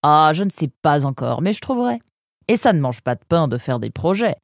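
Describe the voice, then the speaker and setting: A woman's voice: low voice, brisk, creaky, no room sound, full character voice. Woman doing a young male storybook creature, eager, scheming, stammering, dry close sound. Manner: stammering with many "euh", excitable.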